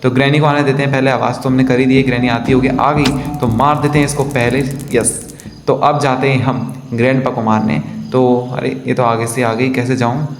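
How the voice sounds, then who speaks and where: A man's voice: medium pitch, level tone, moderate pace. Chatty man narrating his gameplay, echoey room. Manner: chatty, addresses viewers as guys. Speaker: gaming vlogger. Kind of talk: casual game commentary. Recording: echoey room, faint ambient noise.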